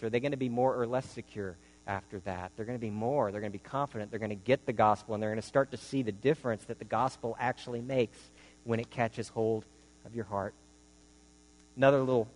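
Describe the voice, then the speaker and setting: A man giving a sermon through stories, talking in a conversational way with many "you know" fillers. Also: medium pitch. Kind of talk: sermon with storytelling. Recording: long hall reverb with mains hum.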